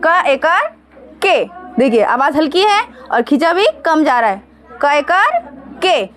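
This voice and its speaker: A woman teaching a Hindi lesson to young children, patiently sounding out syllables slowly and asking the children questions. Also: sits high, big pitch swings, a bit bright.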